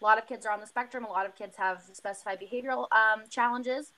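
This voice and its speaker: Bright, fairly high-voiced woman in her twenties. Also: fairly even intonation, fast talker, poor audio. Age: 20s. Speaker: behavior technician. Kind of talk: class presentation.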